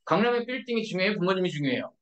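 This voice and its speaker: A woman with a mid-range voice and lively intonation teaches an English grammar lesson in Korean at a very fast pace, constantly checking in with her class through short questions. The audio is dull and captured from far off in an echoey classroom.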